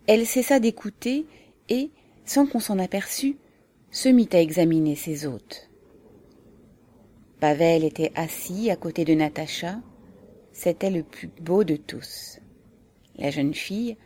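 A woman narrating a novel as an audiobook reader, in a calm, even and measured way. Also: lowish voice.

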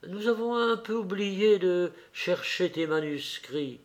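A man's voice: high voice, lively intonation, takes it slowly, pitched above the performer's own voice. A man raising his voice to play an ecstatic young woman in love. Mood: rapturous. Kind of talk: audiobook character reading.

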